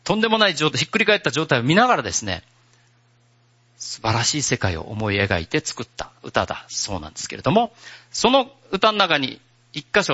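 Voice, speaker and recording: A man preaching a sermon as pastor, in a gentle, conversational way. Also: mid-range voice, breathy edge, dull audio.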